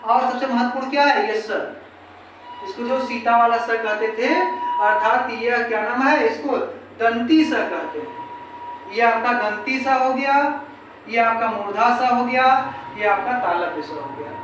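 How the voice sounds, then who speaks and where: A woman with a slightly high voice teaches an exam-prep grammar lesson at a measured pace, repeatedly posing rhetorical questions, repeating herself and sounding out letters one by one. She's far from the mic in a very echoey room with noisy background.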